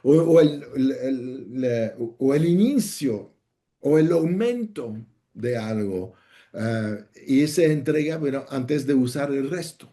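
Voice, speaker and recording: Slow, mellow-voiced man. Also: medium pitch, lively intonation. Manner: slow, deliberate, with "¿no?" tags. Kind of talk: conversational Bible teaching.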